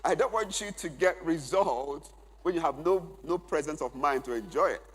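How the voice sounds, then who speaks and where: A slightly high, somewhat rough male voice moves at a normal pace with lively intonation. The middle-aged speaker is giving an emphatic teaching at a church men's conference, repeating key phrases for note-takers, and the large church hall produces a long reverb.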